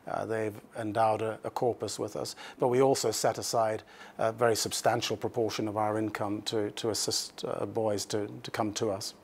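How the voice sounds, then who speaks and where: Measured middle-aged male headmaster. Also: lowish voice, level tone, creaky, husky. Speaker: school headmaster, interview guest. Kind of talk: formal interview answers. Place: indoor office set. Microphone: lapel.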